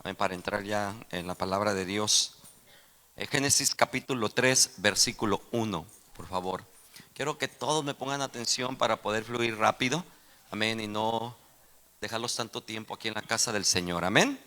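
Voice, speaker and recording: A man preaching a sermon as pastor in a church, asking for amens and putting questions to his congregation, rising from quiet teaching to loud fervent exclamations. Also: fairly low pitch, normal speed. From Texas. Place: church sanctuary.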